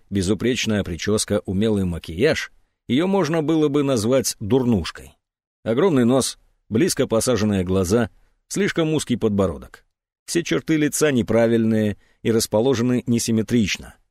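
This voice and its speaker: A man narrating an audiobook in an expressive reading. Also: mid-range voice, moderate pace, no room sound, clean studio sound. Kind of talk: scripted narration.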